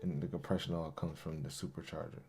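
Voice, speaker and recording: A man's voice: rumbling low, fairly even intonation, quick pace, slight background noise. A man producer casually walking through how he built a beat, laid-back and hyping along with ad-libs. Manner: laid-back, hypes along to his beats with yo and hey ad-libs. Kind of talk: casual beat breakdown tutorial. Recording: beat music playing loudly behind.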